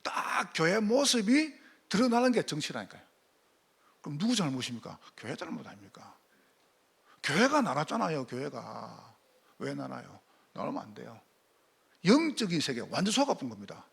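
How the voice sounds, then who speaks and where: A man's voice: fairly high pitch, big pitch swings, normal speed, vocal fry, a bit bright, husky. A man preaching a sermon as pastor, firing rhetorical questions at his congregation.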